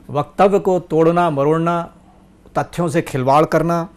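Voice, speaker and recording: This man is the host of a studio news discussion, with a voice that is plainly high for a man. He listens attentively and sums up what his guest has said before he moves on to his next question. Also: a little mellow.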